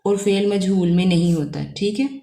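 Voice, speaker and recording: A woman's voice: mid-range voice, normal speed, creaky, warm tone, echoey room. A woman teacher with a Pakistani accent, patiently explaining a lesson step by step and often checking in with her students. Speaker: Urdu teacher.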